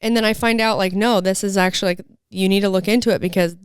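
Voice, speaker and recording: Woman, smooth clear voice, dry close sound, candid chatty podcast talk. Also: mid-range voice, steady tone, fast, no echo. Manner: candid, chatty, uses many fillers. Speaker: podcast co-host and fitness channel owner. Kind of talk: casual chat.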